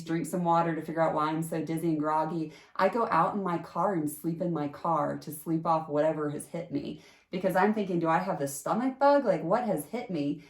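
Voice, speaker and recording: A woman with a fairly low voice tells her story casually, in a chatty and emphatic way. She uses frequent fillers and restarts. The sound carries a roomy echo. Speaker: storyteller sharing a personal experience.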